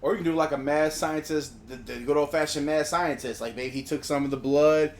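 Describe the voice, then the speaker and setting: A man co-hosting a podcast in casual chat, answering with quick agreements and laughs. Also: fairly high pitch, steady tone, reverberant, a little hiss or hum. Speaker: podcast co-host.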